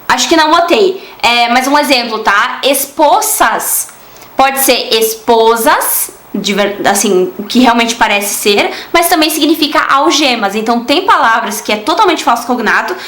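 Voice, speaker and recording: Lady teaching spanish online, keeps asking "né?", a bit high, roomy echo. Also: fairly bright tone. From Brazil. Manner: chatty, asks listeners "né?" and "tá?" often. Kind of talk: casual online lesson.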